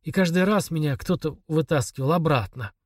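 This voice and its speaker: A man voicing a raspy dying father. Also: on the high side, fairly quick, no room sound, clean studio sound, close to an everyday voice. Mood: weak, pleading. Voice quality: raspy whisper. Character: dying, broken father, weak and rasping.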